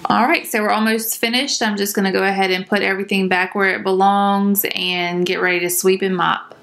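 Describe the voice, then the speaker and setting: A young woman chatting casually in voice-over about cleaning her bathroom, relaxed, with frequent ums. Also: mid-range voice, a little fast. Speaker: cleaning vlogger. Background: soft pop music.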